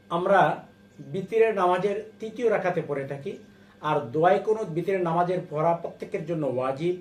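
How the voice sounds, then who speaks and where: A man's voice: high voice, darkish tone, roomy sound. A man with a Bangladeshi accent teaching Quran recitation, patiently spelling out Arabic words letter by letter and repeating each syllable.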